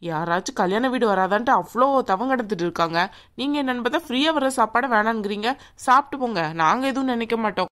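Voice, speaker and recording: A woman doing a rude, haughty young bride in a cartoon. She rattles off sneering, bossy lines quickly in a fairly high voice. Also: a bit bright, lightly acted. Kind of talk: cartoon voice acting.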